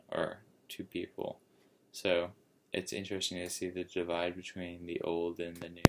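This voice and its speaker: A young man presenting a school book-project video in a sleepy monotone, hesitant and full of fillers, having just woken up. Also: deep voice, gravelly. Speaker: student presenter.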